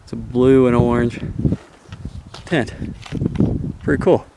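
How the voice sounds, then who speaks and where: A man's voice: mid-range voice, fairly even intonation, takes it slowly. A man filming himself as he hikes a mountain trail, talking casually, enthusiastic and a bit out of breath. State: out of breath from climbing. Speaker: hiker filming his trip. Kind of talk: casual vlog narration while hiking. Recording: noisy outdoor recording.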